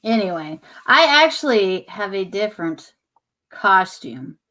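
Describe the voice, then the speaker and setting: A woman's voice: medium pitch, big pitch swings, a little slow, bright, forceful tone. A woman co-hosting a podcast in casual, jokey chat while wearing a bag over her head, giggling between lines. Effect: talking from under a bag over her head. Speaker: podcast co-host.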